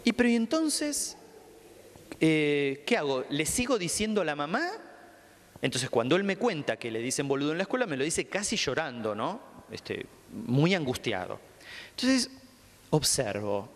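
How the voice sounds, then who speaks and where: Speaking at a normal pace in a slightly high voice, a man with a Rioplatense Spanish accent delivers a psychology training talk in a lecture hall. He animates his anecdotes by acting out the dialogue, and a long reverb tail follows his words.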